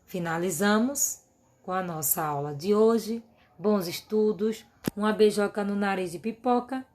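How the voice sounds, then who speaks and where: A woman teacher with a Brazilian Portuguese accent, reading workbook exercises aloud for a remote class. She dictates words one at a time at an unhurried, deliberate pace. She explains each task patiently. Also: medium pitch, a little mellow, slight background noise.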